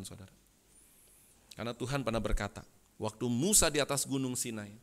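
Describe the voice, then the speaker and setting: A man preaching a sermon as pastor, swinging from loud bursts to soft asides and often addressing the congregation directly. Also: mid-range voice. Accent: Indonesian.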